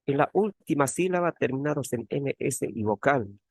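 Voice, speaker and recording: Male teaching assistant, gravelly voice, repeats terms and checks in with the class. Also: medium pitch, expressive, moderate pace, darkish tone, no room sound. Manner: repeats key words, frequent tag questions. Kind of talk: online grammar tutorial. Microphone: computer mic on a video call.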